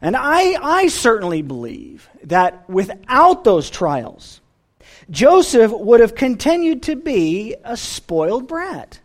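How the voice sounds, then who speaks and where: A preacher giving a sermon in an expressive way, often letting phrases fall away softly at the end. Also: mid-range voice, slow pace.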